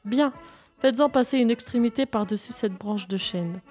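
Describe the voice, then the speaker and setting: A woman's voice: on the high side, moderate pace, faint music behind, natural voice. Woman doing a bold, bossy little girl. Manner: bright, commanding, triumphant. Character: bold, clever young girl detective.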